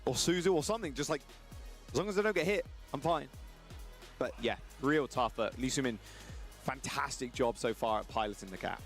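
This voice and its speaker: A man's voice: mid-range voice, animated, soft background music. A man giving color commentary on an esports match in a casual, joking manner. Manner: casual, laid-back and quick with jokes. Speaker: esports co-caster.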